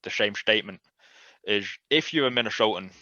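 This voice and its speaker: A man talking as a guest on a podcast. He rambles, swears freely and is animated. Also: on the low side, brisk, no room sound, muffled recording. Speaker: guest fan analyst. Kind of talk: casual podcast chat.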